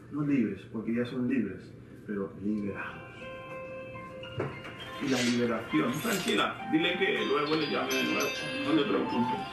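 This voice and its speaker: A man from eastern Cuba with a Cuban accent, preaching a sermon as pastor, asking his listeners questions and swinging between loud and hushed passages. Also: medium pitch, noisy background. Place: church hall. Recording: echoey church hall, distant mic.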